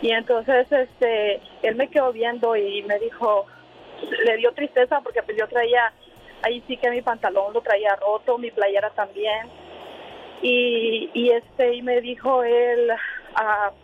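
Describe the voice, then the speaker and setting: A woman's voice: fairly high pitch, steady tone, unhurried, a little hiss or hum. Woman on a tinny phone line. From Honduras. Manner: hesitant, many fillers. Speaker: caller. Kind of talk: telling a personal story on a call-in show. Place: in a moving car.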